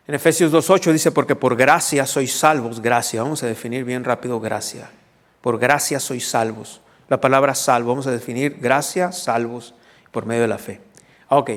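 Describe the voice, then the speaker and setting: A man preaching a teaching sermon. He explains scripture and keeps checking in with the congregation. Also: medium pitch. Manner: teaching, asks the congregation questions. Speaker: pastor. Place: church hall. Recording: long reverb of a church hall.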